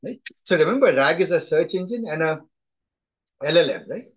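This is a live online lecture by a middle-aged man with a heavy Indian accent, speaking at a moderate pace in a slightly high, lively voice. His teaching over the video call is conversational, and he frequently checks in with "right?". A little hiss or hum sits under the recording.

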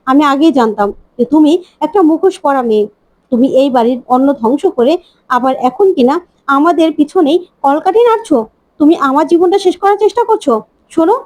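A woman reading the lines of an angry young wife who scolds and accuses a rival in sharp words. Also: sits high. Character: angry young wife defending her husband.

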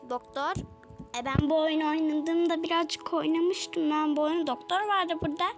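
A woman's voice: high-pitched, steady tone, moderate pace, soft background music. A woman giving casual let's-play commentary, chatty and exclaiming as she talks to her viewers. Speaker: gaming YouTuber.

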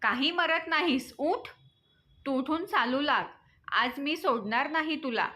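A woman's voice: a little high, takes it slowly, sharp tone. Woman playing a stern scolding village mother. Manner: scolding, firm.

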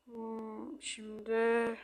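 Young woman, gaming host; casual, exasperated, high-ish voice. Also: monotone, drawn-out words. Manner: exasperated, chatty, mock-complaining at the game. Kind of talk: casual game commentary.

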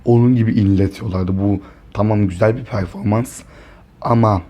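A hoarse man chatting casually to camera in a vlog, talking softly and rambling to spare his voice. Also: lowish voice, steady tone, normal speed. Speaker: vlogger.

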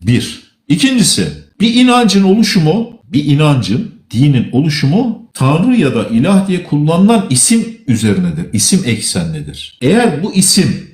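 A man's voice: on the high side, a little mellow, roomy sound. A man hosting a live religious debate, lecturing and arguing, repeating words for stress. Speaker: host.

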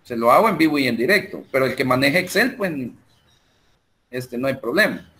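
A Salvadoran Spanish-accented man with a medium-pitched, lively voice runs an online math lesson. He moves slowly and step by step through calculations and a spreadsheet, filling pauses often as he handles the numbers and software.

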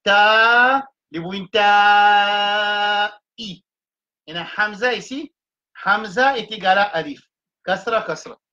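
A man leads a slow reading lesson, naming each letter and vowel mark before joining them into syllables. His voice is bright and forceful, and he takes his time over every sound. He talks like a patient live-streamed tutor walking learners through each word. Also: sits high, lo-fi sound. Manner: spells out letters and vowel marks, then blends them slowly. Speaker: Quran reading teacher. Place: home, livestream.

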